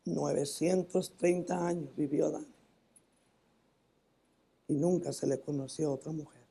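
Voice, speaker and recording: A man's voice: a little high, steady tone, gravelly, mellow, breathy edge. A pastor with a northern Mexican accent preaching a sermon in church, often calling the congregation "brother" and restarting his phrases. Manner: repeats "hermano" often, halting restarts. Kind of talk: sermon with personal testimony.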